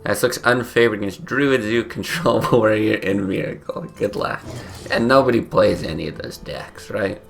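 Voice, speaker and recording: Sleepy gravelly low-voiced male streamer. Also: normal speed, few pauses, slight background noise. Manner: laid-back, thinking aloud with many fillers. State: sleepy, morning voice. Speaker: game streamer. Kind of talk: casual gameplay commentary.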